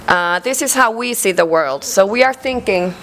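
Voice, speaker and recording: A woman with a Finnish accent giving a conference presentation, measured and hesitant, with frequent fillers. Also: medium pitch, expressive, fairly bright tone, a little hiss or hum, rough recording. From Finland. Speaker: conference speaker. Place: conference hall.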